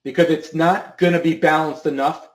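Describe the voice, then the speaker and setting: Male host on a live trading stream, fairly high voice, talks off the cuff, trips over his words, echoey room. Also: fairly even intonation, moderate pace. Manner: repeats words and restarts often, thinking aloud. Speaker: options trading show host.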